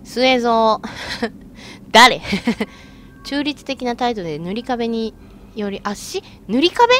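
A woman streaming a game with excitable let's-play commentary, shrieking and chatting with self-mocking asides. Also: a little high, slow pace, slight background noise.

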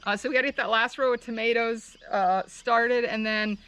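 A woman's voice: on the high side, steady tone, normal speed, fairly bright tone. A woman in her thirties, a farmer chatting casually for her vlog outdoors, rambling and laughing easily, picked up by a camera a few steps away. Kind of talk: casual chat. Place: outdoor farmyard. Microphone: camera mic from a few steps away.

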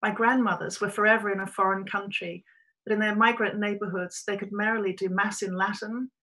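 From a small room, a middle-aged Australian writer speaks to camera over a webcam in a prepared, reflective talk. She tells her story in a measured way, her medium-pitched voice steady and sharp in tone.

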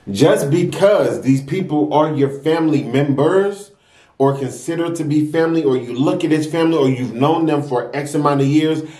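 Eating on camera, this young American mukbang creator chats casually and preaches advice with emphasis, looping back to the same phrases. He sounds a little high and slightly mellow, and the room echoes noticeably.

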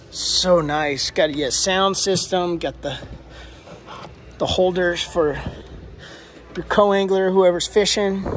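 Excited man touring a boat showroom. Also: on the high side. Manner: excited, exclaiming, chatty. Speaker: fishing vlogger touring a boat. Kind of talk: casual walkthrough vlog. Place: large indoor boat showroom.

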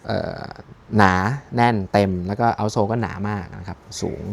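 A man's voice: fairly low pitch, fairly even intonation, normal speed, gravelly. Chatty man unboxing running shoes. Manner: chatty, jokey, thinks aloud with many fillers. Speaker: running shoe reviewer. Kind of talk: casual unboxing chat.

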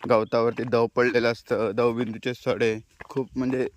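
A man from the Konkan coast talks to his viewers in an easy, chatty way as he walks through a forest pasture. His pitch sits in an ordinary middle range. Faint outdoor noise and animal sounds are heard behind him. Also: normal speed. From Konkan, India. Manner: relaxed, chatty, addresses viewers directly. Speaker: village vlogger. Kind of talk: casual walking tour narration.

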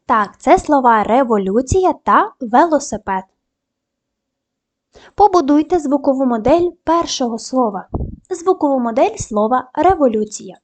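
A woman teaching a primary school video lesson, giving clear step-by-step instructions and spelling out sounds slowly with upbeat praise. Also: high voice, animated. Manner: clear, slow, syllable-by-syllable dictation; upbeat praise between tasks.

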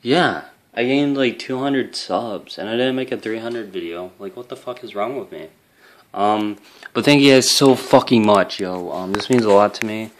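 Low-voiced young man, casual rambling vlog. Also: normal speed, a little hiss or hum. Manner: rambling, profane, emotional thank-you. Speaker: YouTube gaming channel host. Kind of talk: casual vlog talking to camera.

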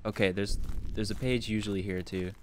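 A man's voice: on the low side, steady tone, brisk, a little hiss or hum. A man streaming a horror game from his own room, talking to himself, jumpy and swearing often as he plays. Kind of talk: live game commentary.

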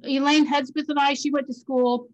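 A chatty woman in her sixties speaks over a video call with a slightly high voice. She tells family stories freely and keeps talking without pause. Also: flat delivery, lo-fi sound. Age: 60s. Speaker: class reunion attendee. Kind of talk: casual video call chat.

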